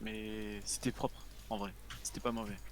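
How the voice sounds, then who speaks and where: A man chatting casually with teammates while playing an online game, in quick, short remarks. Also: lowish voice, little pitch movement, slight background noise. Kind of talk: casual gaming chat.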